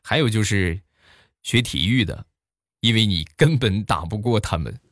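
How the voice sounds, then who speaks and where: Animated low-voiced male comic storyteller. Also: normal speed, no room sound, studio quality. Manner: animated, playful, exaggerated punchlines. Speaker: comedian.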